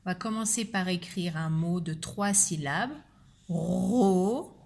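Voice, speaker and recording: A woman teacher giving a spelling dictation, speaking slowly and deliberately and repeating each word with care. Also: lowish voice. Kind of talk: slow spelling dictation lesson.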